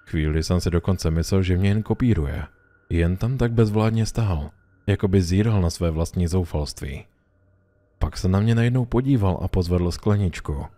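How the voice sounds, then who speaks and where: Low, dark-voiced male horror narrator. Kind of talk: scripted horror story narration.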